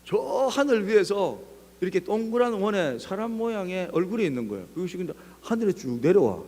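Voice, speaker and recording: A male pastor preaching a sermon, telling a story with animated delivery and acting out scenes. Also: high-pitched, brisk. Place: church sanctuary. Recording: long reverb of a church hall.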